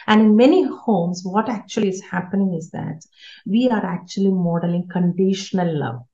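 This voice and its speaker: A woman's voice: mid-range voice, normal speed, warm tone. Earnest woman giving a parenting talk. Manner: earnest, repeats key words for emphasis. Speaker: parenting speaker. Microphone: video call. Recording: roomy, slightly dull online call audio.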